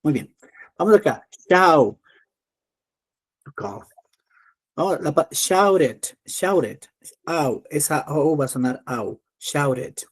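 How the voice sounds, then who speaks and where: A man teaching an English class in Spanish, patiently repeating words slowly to drill pronunciation. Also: on the high side, animated, husky.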